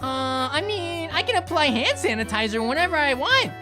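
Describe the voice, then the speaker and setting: A man voicing a timid, overprotected young male peanut in a cartoon, with a very high, whiny voice. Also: very animated, normal speed, over music. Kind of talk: cartoon voice acting.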